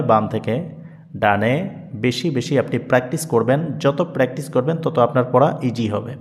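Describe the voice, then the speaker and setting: Slow-drilling man teaching Quran letters. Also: mid-range voice, long reverb tail. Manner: slow drilled syllable-by-syllable spelling, asks and answers himself. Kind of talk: spelling-out Quran reading lesson.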